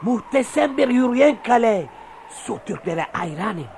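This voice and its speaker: An actor playing a grumbling, cynical old-world soldier in a radio play, talking in a colloquial way. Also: male voice, very high-pitched, expressive, unhurried, vocal fry, a little mellow, a little hiss or hum, heavily acted. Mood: gossipy, awed. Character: grumbling, cynical Byzantine soldier who admires the enemy.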